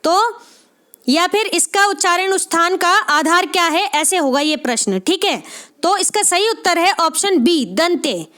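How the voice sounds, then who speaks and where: Woman tutor, very high pitch, encouraging exam-prep teacher, constantly checks for understanding. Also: expressive, pushed and bright. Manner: encouraging, repeats "ठीक है?" after nearly every phrase; spells out sounds slowly one by one. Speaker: Hindi literature exam tutor. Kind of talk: spoken exam-prep lesson.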